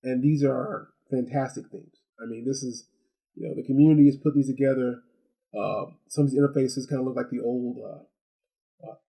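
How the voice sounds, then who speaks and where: Over poor audio, a man hosting gadget reviews rambles casually through a product, repeating words and chatting with rhetorical asides and "right?" check-ins. His medium-pitched voice is warm and slightly rough, with vocal fry.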